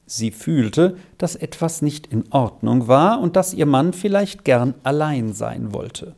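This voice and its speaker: Expressive storybook narrator. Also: medium pitch, takes it slowly, gravelly. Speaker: audiobook reader.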